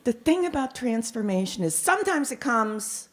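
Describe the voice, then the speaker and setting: Woman, middle-aged, live storyteller. Medium pitch, theatrical delivery, measured repetition for emphasis. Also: very animated. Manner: dramatic, deliberate phrasing with repetition. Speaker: professional storyteller. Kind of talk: live storytelling performance to an audience.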